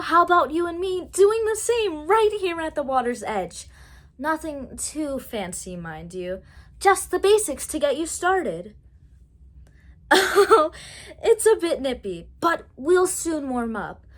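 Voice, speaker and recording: A woman voicing a kind mother duck who gently coaxes her duckling. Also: sits high, big pitch swings, slow, exaggerated voice. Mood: coaxing. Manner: gentle, coaxing, patient.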